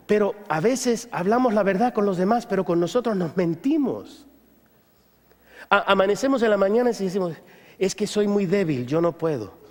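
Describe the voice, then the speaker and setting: A male pastor preaching a sermon at a church service, emphatic, repeating his key phrases and swinging between loud and hushed. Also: high-pitched, in a large hall.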